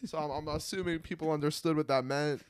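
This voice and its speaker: A young man co-hosting a casual sports podcast, talking in a rambling, fairly monotone way with lots of fillers. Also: on the high side, quick pace, clear, resonant tone, no room sound. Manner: rambling, self-described monotone delivery with many fillers. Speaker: podcast co-host.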